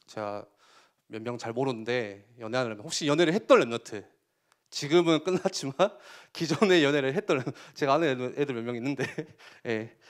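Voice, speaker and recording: A man giving a youth sermon, asking the listeners questions and acting out quotes with sudden loud bursts. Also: mid-range voice, brisk. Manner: animated, asks the listeners questions. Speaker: youth pastor.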